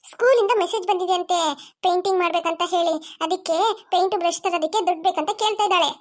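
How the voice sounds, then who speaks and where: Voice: very high voice, fast talker. A woman voicing a bossy, tattling older sister in a cartoon. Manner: bossy, complaining.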